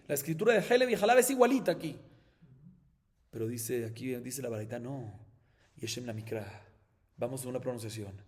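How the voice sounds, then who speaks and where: Colombian Spanish male rabbi, higher voice, explains step by step with rhetorical questions; reverberant hall sound. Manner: explains step by step, asks and answers his own questions. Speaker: rabbi teaching Talmud. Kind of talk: Talmud class.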